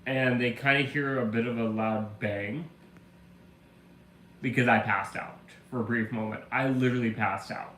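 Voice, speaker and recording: This man's mid-range voice stays fairly even, a bit bright, at a normal speed as he live streams while getting over the flu, a slight cough lingering. In his echoey room at home with a faint hum behind him, he chats loosely and rambles through a story packed with fillers.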